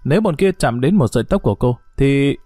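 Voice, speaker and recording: An urgent young detective fires off pressing questions, voiced by a male narrator. The voice is dark and the sound dry. Soft music plays behind the storybook reading. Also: mid-range voice, lively intonation, fairly quick, no echo, natural voice.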